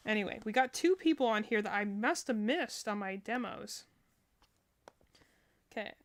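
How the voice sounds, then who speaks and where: A woman streamer gives casual reaction commentary on game character demos, rambling and thinking aloud as she goes. Her mid-range voice is expressive and she speaks at a normal speed.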